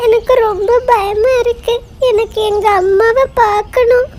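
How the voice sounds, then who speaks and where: Woman cast as a scared little lamb who cries for his mother; tiny high voice, tearful pleading tone, cartoon. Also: fairly even intonation, a little slow, a little mellow, a little hiss or hum. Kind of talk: children's cartoon voice acting.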